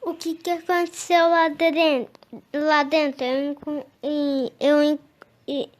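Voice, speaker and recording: A high-voiced animatronic girl stuck as a mannequin, voiced by a woman in a game role-play. She talks slowly, halting and tripping over her words. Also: flat delivery. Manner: halting, stumbling speech. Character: Bonnie, a female animatronic turned into a mannequin.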